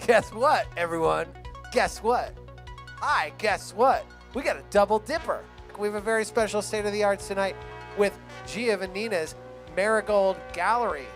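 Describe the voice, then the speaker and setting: Woman, mid pitch, excited loud announcer, repeats herself. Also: moderate pace, soft background music.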